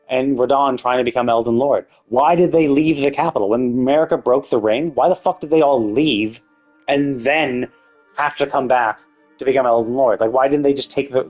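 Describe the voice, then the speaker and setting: A man's voice: mid-range voice, darkish tone. A man streaming live, ranting casually and with exasperation, full of rhetorical questions, restarts and swearing. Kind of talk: casual gaming rant. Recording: live stream with faint music behind.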